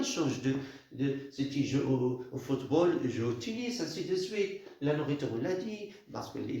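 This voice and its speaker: A man teaching a poem to a class in a halting way, often repeating words and stressing key phrases. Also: mid-range voice, darkish tone. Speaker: literature teacher. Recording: very echoey room.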